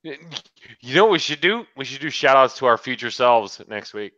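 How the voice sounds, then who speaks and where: Casual male co-host, brash and profane, animated pitch, muffled lo-fi. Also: fairly quick, a little hiss or hum. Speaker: podcast co-host. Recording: muffled lo-fi sound.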